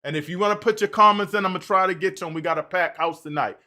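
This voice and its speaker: Bright-voiced male livestream host. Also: sits high, fast. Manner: animated, reads out and answers chat comments. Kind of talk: livestream talk reading chat comments.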